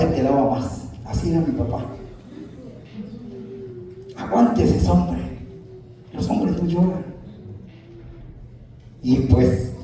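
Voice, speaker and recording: A man's voice: on the high side, noisy background. A man preaching a sermon with emphatic rhetorical questions, lists and personal stories. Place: church. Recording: echoey room heard from a distance.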